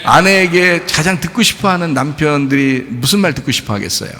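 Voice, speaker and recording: A middle-aged male pastor preaching a sermon in a folksy, animated way, acting out quotes with laughter. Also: fairly high pitch, fairly quick. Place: large church hall. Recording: reverberant church hall.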